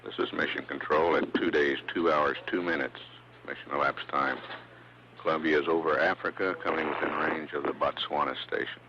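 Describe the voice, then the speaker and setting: A man giving live spaceflight status commentary as a mission control announcer, in a halting, measured delivery. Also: rumbling low, steady tone, bright, forceful tone. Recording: dull archival feed with faint hum.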